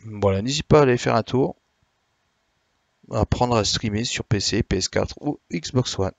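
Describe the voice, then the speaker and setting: Tired streamer, dry close voice. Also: male voice, medium pitch, moderate pace, creaky, dry recording. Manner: hesitant, many "euh" and restarts, friendly explaining. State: a bit tired. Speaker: Twitch streamer. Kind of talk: casual live-stream chat with viewers.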